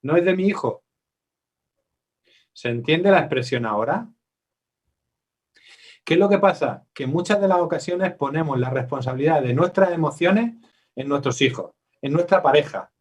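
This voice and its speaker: Guy psychologist talking to parents, chatty, asks the room questions, slightly high voice. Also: animated, normal speed, recorded from a distance. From Spain. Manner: conversational, asks the audience questions, acts out quotes. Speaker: psychologist giving a parenting workshop. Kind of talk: live workshop talk to parents.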